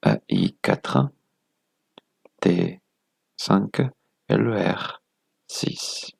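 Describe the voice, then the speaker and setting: Low-pitched male teacher, unhurried and methodical, heavy vocal fry, self-correcting. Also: huge pitch swings, dry recording. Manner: methodical, counting items aloud, corrects himself. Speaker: presenter of a phonetics video lesson. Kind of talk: explaining a lesson step by step.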